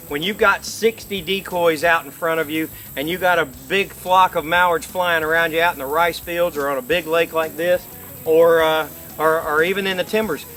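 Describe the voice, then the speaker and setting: A middle-aged man teaches duck calling beside a lake, walking through it step by step in a folksy, informal style. He has a high voice with a sharp tone.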